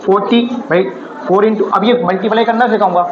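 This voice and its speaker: A man teaching a basic maths class, explaining slowly and repeating himself, and asking the class questions that he then answers himself. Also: high voice, fairly even intonation, crowd noise, noisy background. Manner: slow and repetitive explaining. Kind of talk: classroom lesson. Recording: echoey room, dull sound.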